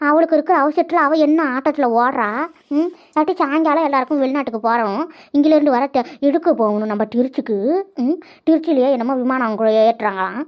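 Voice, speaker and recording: A woman voicing a bossy middle-aged mother-in-law in a cartoon, fussing and scolding briskly. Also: high voice, natural voice. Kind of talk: cartoon voice acting. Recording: dull lo-fi audio.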